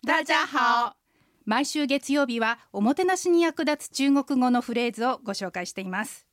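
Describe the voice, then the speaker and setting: A woman hosting a radio language lesson, explaining phrases patiently and clearly, often with a short "hai". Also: sits high, lively intonation, normal speed, no room sound, clean studio sound.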